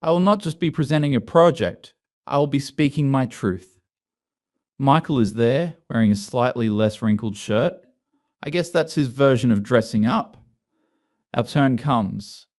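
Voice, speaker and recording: A man narrating an online story in a steady, scripted storytelling read. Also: medium pitch, unhurried.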